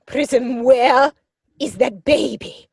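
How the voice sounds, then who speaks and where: A woman's voice: high voice, drawn-out words, gravelly, darkish tone, full character voice. A woman playing an imperious, haughty older aristocratic lady in a comic play reading, speaking with pompous, commanding emphasis. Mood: stern, accusing.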